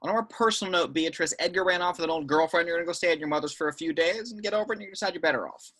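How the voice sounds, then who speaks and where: A man reading the part of a dry, no-nonsense seasoned government agent at an amateur table read, clipped and deadpan. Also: on the high side, rapid-fire. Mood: matter-of-fact.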